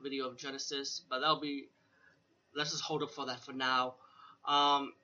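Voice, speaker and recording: Hosting a retrospective review of a horror film, a man rambles informally and without a script, repeating himself, swearing at times, and dropping "you know" often. His voice sits on the high side, pushed and bright. A fan or air conditioner hums nearby on a dull, lo-fi recording.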